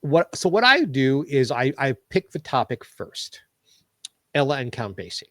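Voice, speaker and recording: A man talking as a podcast guest in a casual interview, animated and opinionated as he tells stories. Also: medium pitch, a little slow, no room sound, studio quality. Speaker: podcast guest, show business historian.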